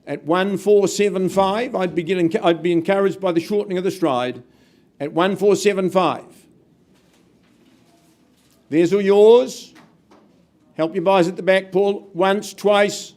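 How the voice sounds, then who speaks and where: High-pitched male auctioneer calling bids. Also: moderate pace, darkish tone. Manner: projected, emphatic count-down calls to the room. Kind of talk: live property auction calling. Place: live auction room with bidders.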